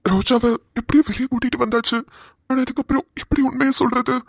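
A woman's voice: fairly high pitch, fairly even intonation, fast talker, vocal fry, breathy edge, no echo, clean studio sound. A woman voicing a hesitant, sorrowful young husband. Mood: worried. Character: troubled young husband about to go abroad.

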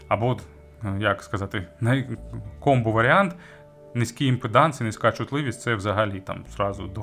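A man hosts a casual, semi-scripted product review of audio gear, explaining things informally and conversationally. His voice is fairly low in pitch and a bit bright.

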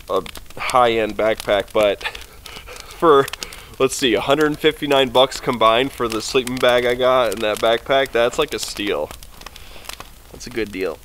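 At night by a fire at a snowy forest campsite, a young man vlogs outdoors, rambling easily to a camera on a tripod a few meters away. He's chatty and easygoing, using plenty of fillers. His voice is mid-range and fairly bright, with a little hiss or hum.

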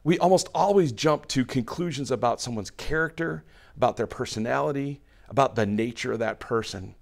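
A man preaching a sermon in a conversational way, often restarting his sentences and acting out little everyday scenes in quick voiced asides. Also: medium pitch, vocal fry. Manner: frequent restarts and repeated words. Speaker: pastor.

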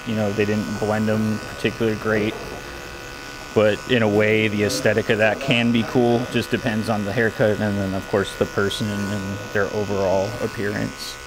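Over buzzing clippers, a low-voiced American barber talks at a moderate pace in a level tone. He's giving a haircut tutorial in a brick-walled barber shop indoors, explaining in a relaxed way and thinking aloud while working. The clippers' buzz and hum come through clearly.

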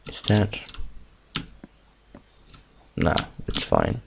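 A man's voice: extremely slow, background noise. A young man chatting casually and rambling over his own gameplay, swearing now and then. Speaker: gamer. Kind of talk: casual let's-play commentary.

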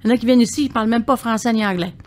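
A woman in her sixties with a Québécois French accent, a singer telling stories as a podcast guest, animated and quick to laugh. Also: a little high. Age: 60s. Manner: animated storyteller, laughs often, tags phrases with "là". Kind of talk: casual conversation.

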